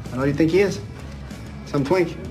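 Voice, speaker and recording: An actor playing a brash, foul-mouthed young man from a rough family, blunt and streetwise, in a TV drama. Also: a little high, moderate pace, music in the background, natural voice. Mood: teasing. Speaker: TV drama character.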